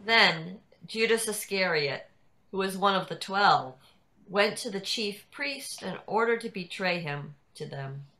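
A woman reads scripture as narrator, deliberate and measured. Her voice is bright and forceful, at a middle pitch. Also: lively intonation, rough recording. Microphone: video call.

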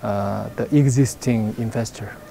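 Man, 40s, halting English full of fillers, mellow, faint outdoor hiss. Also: on the low side, creaky. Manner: halting non-native English with many fillers. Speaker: product manager interviewee. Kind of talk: interview answers. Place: outdoors in front of a branded backdrop. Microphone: lapel mic.

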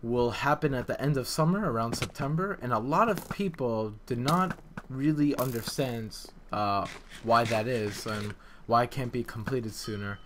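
With a mid-range, fairly bright voice at normal speed, a man offers off-the-cuff commentary as a game map developer and video creator, wandering and hesitating as he explains. Background noise and clicking are clearly heard.

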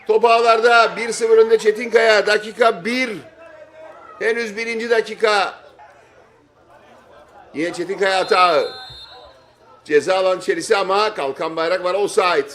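A man giving excited football play-by-play in clipped short phrases, shouting and stretching out his calls at big moments. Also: high voice, moderate pace, pauses often. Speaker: football match commentator. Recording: stadium crowd noise behind voice. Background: football crowd.

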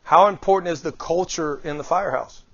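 A middle-aged guest speaker gives a lively motivational talk on leadership to a small live group, frequently firing questions at them. He speaks briskly in a voice a bit higher than most men's, captured on a dry, dull lo-fi recording with no echo or room sound.

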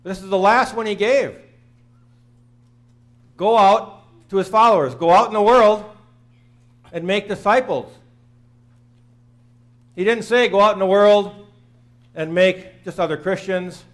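A man's voice: high voice, unhurried, long pauses. A man in his fifties preaching a sermon in a small church, earnest and plain-spoken, repeating phrases for emphasis. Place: small church sanctuary, in front of the altar.

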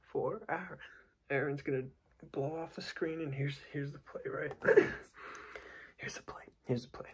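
A young man with a fairly high voice whispers in a hushed, breathy, husky way, playing a basketball coach in an ASMR roleplay. He repeats himself while giving his team a pep talk and explaining plays. It's recorded indoors in a small, dark room.

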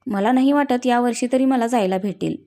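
An affectionate, bossy young bride among her old friends, as a woman reader puts her on. Her voice is mellow and a touch high, and she mixes fond teasing with playful scolding. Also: brisk, close to an everyday voice.

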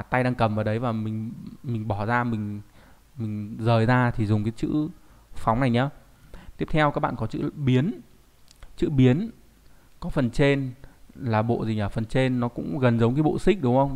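A man's voice: mid-range voice, a little mellow. Man teaching kanji. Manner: explains patiently, often checking in with tag questions. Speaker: Japanese language teacher. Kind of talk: online kanji lesson.

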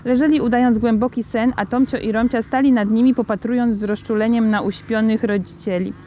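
A woman reading a children's novel aloud with lively, expressive storytelling. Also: fairly high pitch, a little fast, a little hiss or hum. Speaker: reader.

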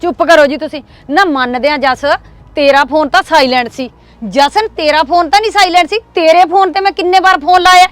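A woman playing an anxious older mother with a Punjabi accent, soft and pleading. Her fairly high voice keeps trying to calm the men down. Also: normal speed, lightly acted. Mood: coaxing. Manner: pleading, hushing, soft-spoken. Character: worried mother hushing quarrels, fearful of gossip.

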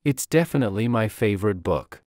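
A man reading short English practice sentences aloud in a deliberate, expressive way. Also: fairly low pitch, dry recording, clean studio sound.

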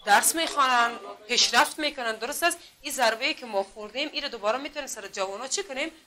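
Woman from Afghanistan, adult literacy teacher; a patient driller with a bright, fairly high voice. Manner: patient, drills with repeated questions and answers. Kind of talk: classroom teaching.

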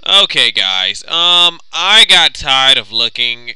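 Bright, smooth-voiced young man narrating gameplay. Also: mid-range voice, sing-song, slow pace, no room sound, low-quality recording. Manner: chatty, bickers with his co-host. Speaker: let's player. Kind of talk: casual gameplay commentary.

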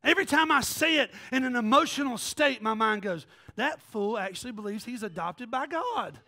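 A man preaching a fiery sermon as pastor in a church, shouting and whooping with the congregation. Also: very high-pitched, animated, normal speed. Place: church sanctuary.

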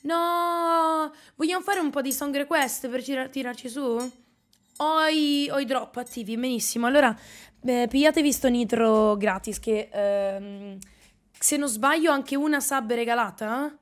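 A Milanese woman chatting casually on a live stream, animated and slightly hoarse, with quick asides to her chat. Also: fairly high pitch. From Italy. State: slightly hoarse after concerts.

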